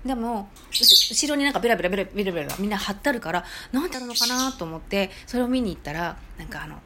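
Lively middle-aged woman chatting solo. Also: mid-range voice, rapid-fire, background noise. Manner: chatty storyteller, lively, acts out quoted voices. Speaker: podcast host. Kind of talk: casual solo chat.

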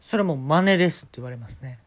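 Deadpan Kansai man telling absurd stories. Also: fast talker. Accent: Kansai Japanese. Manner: deadpan telling of absurd tales with sudden pitch jumps. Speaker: talk show host. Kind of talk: casual storytelling monologue.

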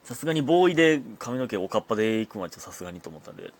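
A man's voice: mid-range voice, big pitch swings, rapid-fire, slight background noise. A man with a Kansai accent hosting his own casual solo talk show, chatty and often laughing as he talks. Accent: Kansai Japanese. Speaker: comedian podcast host.

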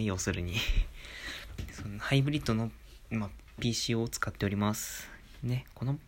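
A young man with a lowish voice keeps his volume down as he chats on his own show from home. He talks in a loose, easygoing way, full of fillers and soft chuckles. A faint hum sits behind him on the phone recording. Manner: hushed, low-volume talk with soft laughs and filler. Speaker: podcast host. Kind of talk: casual solo talk. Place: inside his home, alone. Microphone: phone microphone.

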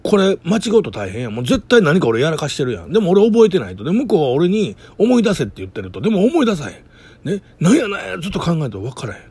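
Man, Kansai accent, casual comic monologue, excitable, animated pitch, husky. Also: fast. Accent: Kansai Japanese. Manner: excitable, animated, stumbling retelling. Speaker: podcaster. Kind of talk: casual comedic storytelling monologue.

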